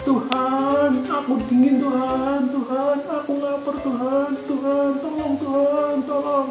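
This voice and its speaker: A cold, hungry little boy sobs and begs in a high, wailing voice, put on by a woman. He sounds tearful and desperate. Heard in an echoey room with music playing behind. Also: level tone, takes it slowly. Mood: crying, pleading. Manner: wailing, pleading. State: crying. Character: poor sick crying little boy.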